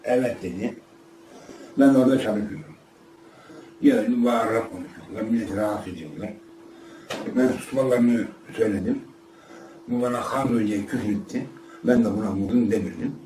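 A man's voice: on the low side, a little fast, mellow, a little hiss or hum. An older man from northeastern Turkey telling a rambling life story in casual chat, acting out the voices of the people in it and often repeating himself. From Ardahan, northeastern Turkey. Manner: rambling, acts out quoted dialogue, repeats himself. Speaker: storyteller being interviewed. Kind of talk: casual spoken memoir. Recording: roomy, distant mic, faint ambience.

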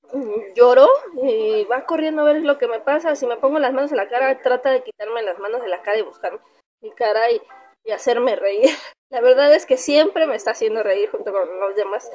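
A woman's voice: on the high side, warm tone. A young woman with a Mexican Spanish accent, casually chatting in a pet vlog and cooing at her dog. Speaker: vlogger.

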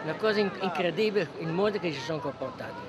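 A very old man, speaking indignantly and haltingly in a street interview. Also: a little high, lively intonation. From Val di Susa, Piedmont, Italy. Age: 80s, elderly. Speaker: local resident and protester being interviewed. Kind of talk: street interview, spontaneous opinion. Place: outdoors at a mountain roadside car park. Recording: outdoor recording with busy crowd and traffic.

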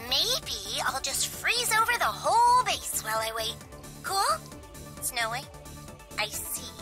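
A woman's voice: very high-pitched, sing-song, slow pace, creaky, heavily acted. Cryosphere, a punning robot ice girl. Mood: bored teasing. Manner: teasing, bored, punning. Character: playful female ice robot girl, pun-loving. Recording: game audio with loud music.

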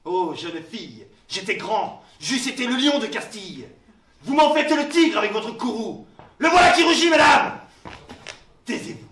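A man's voice: sits high, sing-song, normal speed, hardly any pauses. An actor playing a proud, jealous young king in classical verse theatre. He swings from cold restraint to roaring threats. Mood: imperious. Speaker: stage actor. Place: theatre stage. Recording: echoey stage, distant mic, faint hiss.

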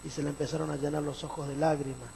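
A man pastor preaching a sermon, telling a story with animated swings and emphatic rises. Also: on the high side, fast talker, vocal fry, slight background noise, poor audio.

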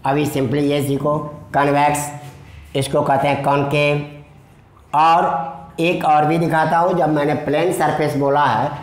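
A male physics teacher records a classroom-style video lesson. His voice sits a little high and moves very slowly as he dictates notes, repeating words for his students. The room around him is echoey. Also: level tone. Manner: addresses students fondly as children.

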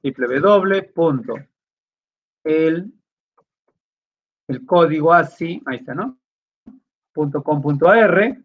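Guy teaching a computer lesson, kinda high voice, muffled lo-fi sound, keeps asking "right?". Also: lively intonation, slow, pauses often. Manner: explaining step by step, with many tag questions. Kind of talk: classroom lesson. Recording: dull lo-fi sound.

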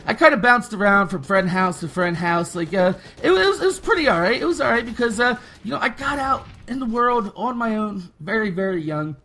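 A man's voice: high voice, sharp tone, slight background noise. A man, talking casually and candidly over gameplay, rambling and swearing freely. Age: 20s. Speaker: gaming YouTuber.

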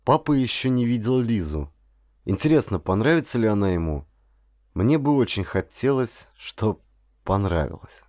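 Lowish and sing-song, this man speaks at a moderate pace with a slightly mellow tone in a dry, clean studio recording. As a professional actor and audiobook narrator, he tells the story dramatically from a script before talking straight to his listeners.

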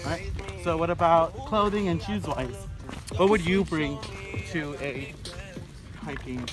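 A man's voice: a little high, unhurried, music in the background. A young man in his twenties asking a friend questions on a hillside trail, with a teasing, joking manner. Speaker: interviewer, coworker. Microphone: camera carried alongside while walking.

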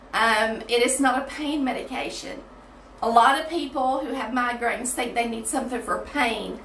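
A woman's voice: a little high, fairly bright tone, far from the mic. A woman leading a folksy, chatty Bible study, her voice ringing hollow off the walls of a small bathroom. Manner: chatty, folksy, talks straight to viewers. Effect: echoing, hollow room sound. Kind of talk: casual livestream Bible study. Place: small tiled bathroom, indoors. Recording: echoey bathroom, off-mic, faint hiss.

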